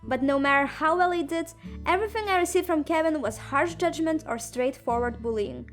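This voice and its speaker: High-voiced and brisk, a young woman from Lithuania, a native Lithuanian speaker, animates and narrates a funny storytime video. Her delivery is sarcastic, dramatic and self-mocking, set against soft background music.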